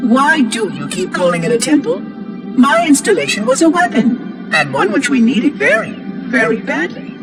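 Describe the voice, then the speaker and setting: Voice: sits high, wildly swooping pitch, moderate pace. An actor voicing a prim, fussy ancient AI monitor in a video game, with pompous, precise diction and a synthetic edge. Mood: exasperated, insistent. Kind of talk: video game cutscene acting. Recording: music behind the voice.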